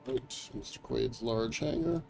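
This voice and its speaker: A man's voice: mid-range voice, normal speed, creaky, a little mellow, soft background music. A man talking casually with friends while playing a video game. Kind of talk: casual gameplay chat with friends.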